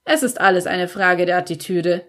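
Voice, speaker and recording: A woman's voice: fairly low pitch, normal speed, a bit bright, natural voice. A woman reading an audiobook, voicing a cool, sardonic teenage boy who is grieving his brother, with a dry, offhand delivery.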